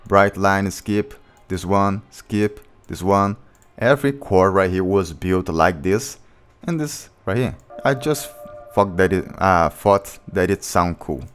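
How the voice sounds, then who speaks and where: A low-voiced music producer slowly explains beatmaking step by step in slightly non-native English, his grammar a bit off. It's a casual screen-recorded tutorial with beat music playing underneath.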